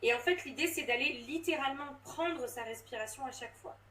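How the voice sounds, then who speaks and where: This woman in her thirties, a voice coach and drama teacher, speaks fairly quickly in a high, sharp-toned voice. Her explanations in the casual interview are hesitant, packed with fillers and restarts, and the sound is roomy and distant from the mic.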